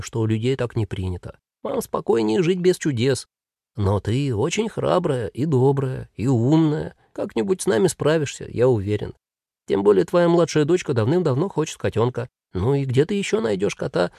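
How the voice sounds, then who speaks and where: A man's voice: on the high side, vocal fry, dark tone, no room sound, clean studio sound, pitched above the performer's own voice, exaggerated voice. A man doing a breezy demon cat. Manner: breezy, reasonable, reassuring. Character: cheerful male demon living as a cat, playful and easygoing.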